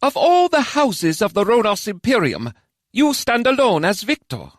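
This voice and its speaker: A male narrator voicing a pompous elf house lord with a high-pitched nasal voice, making grand ceremonial proclamations. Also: wildly swooping pitch, normal speed, no room sound, studio quality, full character voice. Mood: proclaiming. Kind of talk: audiobook character voice.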